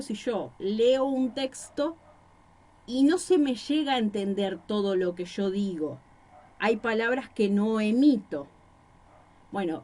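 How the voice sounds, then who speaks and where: A woman's voice: on the high side, a little mellow. Woman teacher with a Rosario accent. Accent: Rosario Argentine Spanish. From Rosario, Argentina. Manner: explanatory, gives examples and asks rhetorical questions. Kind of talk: recorded class lecture. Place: small room. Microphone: microphone.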